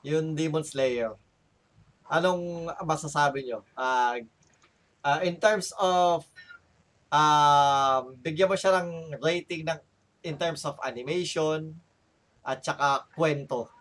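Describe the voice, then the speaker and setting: A man's voice: on the high side, slow, pauses often, a bit bright. A man with a Filipino accent hosting a casual podcast chat, often restarting words while he searches for a term. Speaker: podcast host.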